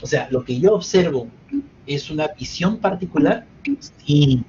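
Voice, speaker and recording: A man's voice: on the high side, animated, a little slow, darkish tone. A man teaching a live online psychotherapy class, engaging his students by asking them question after question. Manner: engaging, keeps quizzing students. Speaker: psychotherapy lecturer. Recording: dull lo-fi sound with faint background noise.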